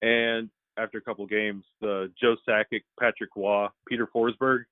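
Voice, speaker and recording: A man's voice: fairly low pitch, flat delivery, normal speed, dry recording. Man on a tinny phone-like line. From Alabama, US. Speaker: podcast guest, hockey fan. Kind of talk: casual interview chat. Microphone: remote call. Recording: narrow phone-like call audio.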